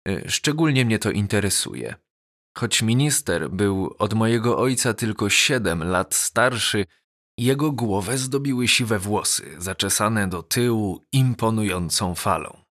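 A man narrating a novel as an audiobook, measured and even. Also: on the low side. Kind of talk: scripted narration.

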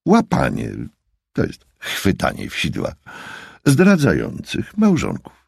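A man narrating an audiobook in a lively, expressive reading. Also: medium pitch, slow, creaky, husky, dry recording, clean studio sound.

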